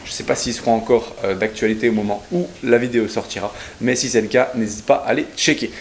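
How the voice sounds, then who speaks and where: Young man, fitness vlogger, mid-pitched chatty voice, explains with lots of "euh", faint hiss and clicks behind. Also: fairly even intonation, quick pace. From Belgium. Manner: chatty, explanatory, frequent "euh" fillers and self-corrections. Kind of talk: casual vlog talk to camera.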